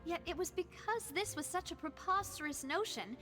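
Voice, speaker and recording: A woman's voice: very high voice, lively intonation, moderate pace, pushed and bright, soft background music, heavily acted. A woman voicing a confident, gracious young noblewoman in a game, speaking in an elegant, old-fashioned transatlantic style. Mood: earnest. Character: poised young noblewoman leading a secret group, confident and gracious. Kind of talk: game voice acting.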